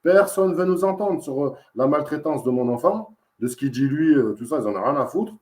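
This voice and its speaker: A man speaking fast in a casual interview, his voice mellow and warm. He tells his story emphatically, circling back and repeating his points. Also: on the high side, lively intonation, roomy sound. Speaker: interviewee, father in dispute with social services. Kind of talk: casual testimony.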